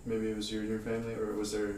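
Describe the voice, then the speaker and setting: A man's voice: fairly low pitch, completely flat delivery, very fast, a little mellow, slight background noise. A man interviewing for an oral history project, asking questions hesitantly with many fillers. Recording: roomy, distant from the mic, faint ambience.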